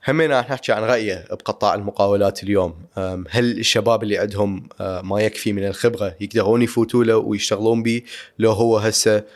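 A man with an Iraqi Arabic accent, hosting a podcast and reading a brisk introduction with frequent filler sounds. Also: lowish voice, fairly even intonation. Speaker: podcast host. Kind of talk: scripted introduction.

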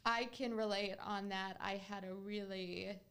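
A woman's voice: mid-range voice, fairly even intonation, a little slow, fairly bright tone, smooth. A woman hosting a podcast, talking casually and earnestly as she tells a client story. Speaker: podcast host, real estate agent.

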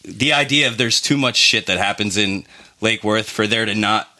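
Bright-voiced man in casual podcast chat. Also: on the low side, moderate pace. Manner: laid-back, storytelling with many fillers and restarts. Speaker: podcast co-host.

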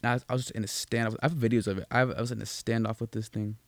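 A young man chatting loosely on a podcast, tripping over his words and swearing through his stories. His voice sits at a middling pitch. The sound is dry and close. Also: level tone, very fast, no room sound. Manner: rambling, profane, many restarts and fillers. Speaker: podcast co-host. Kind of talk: casual chat.

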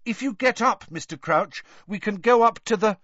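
A man's voice: high-pitched, normal speed, a bit bright, no echo, lo-fi sound, pitched above the performer's own voice. A man voicing an earnest, worried teenage boy wizard in an audiobook. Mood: alarmed, urgent.

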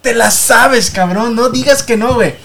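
A man's voice: very high voice, normal speed, sharp tone. A man with a Mexican accent, chatting casually on a podcast in a slangy, ranting way. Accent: Mexican Spanish. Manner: slangy, ranting, full of filler words. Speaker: podcast co-host. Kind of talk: casual chat.

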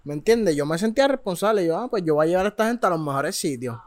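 A man's voice: high voice, lively intonation, fast talker, crowd noise. A man, insisting on being heard and explaining himself in casual chat. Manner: insistent, repeats words to get the floor.

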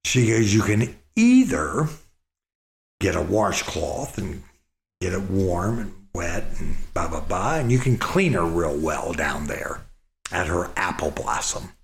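A man's voice: sits low, sing-song, slow, vocal fry, reverberant. A middle-aged man telling a story in a folksy, rambling way, repeating words as he goes. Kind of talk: casual storytelling.

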